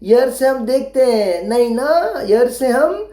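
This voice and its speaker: Woman teacher, slow and patient, spells words out, mellow voice, echoey room. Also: on the high side, big pitch swings. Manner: asks the children questions and praises them. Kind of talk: explaining a children's English lesson in Hindi.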